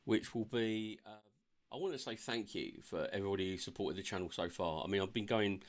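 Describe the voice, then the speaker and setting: Low-pitched guy streaming games, chatty and upbeat, kinda tired, lots of ums. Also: brisk. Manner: chatty and upbeat, with many fillers. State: a bit tired. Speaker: game streamer. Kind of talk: casual live-stream chat.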